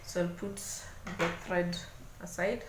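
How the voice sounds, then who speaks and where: A woman with a Kenyan accent giving an unscripted hands-on craft demonstration, speaking haltingly and repeating words as she works. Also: on the low side, little pitch movement. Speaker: craft tutorial host. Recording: echoey room, clear background noise.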